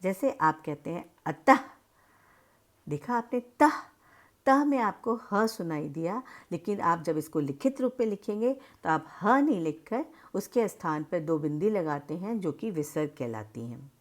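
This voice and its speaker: A woman teaches a grammar lesson at an unhurried pace, pitched a little low. She speaks straight to her students, explaining step by step and stretching out each vowel as she demonstrates it. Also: lively intonation. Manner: slow, drawn-out demonstration of vowel sounds. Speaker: school Hindi teacher.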